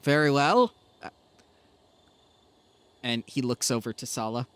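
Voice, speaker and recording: A man narrating as game master in a tabletop game, animated and full of hesitant fillers. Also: mid-range voice, unhurried, clean tone, no room sound.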